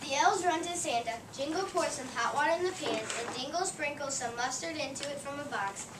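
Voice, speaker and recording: A woman reads the stage directions of a play in a plain, steady way. Her high voice sounds distant in an echoey room, with noise behind it. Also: fairly quick. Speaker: narrator.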